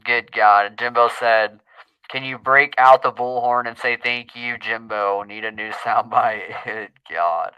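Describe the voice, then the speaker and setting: A man talking loudly through a bullhorn during a casual livestream. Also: mid-range voice, fairly even intonation, measured pace, clear, resonant tone, highs cut off. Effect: speaking through a bullhorn.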